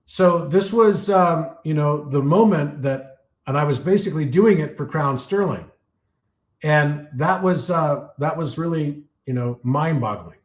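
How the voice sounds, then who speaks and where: Hoarse man telling a rambling story. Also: on the high side, lively intonation, measured pace, echoey room. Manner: rambling storytelling with many fillers and restarts. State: losing his voice a little. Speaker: speaker taking audience questions. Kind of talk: live talk.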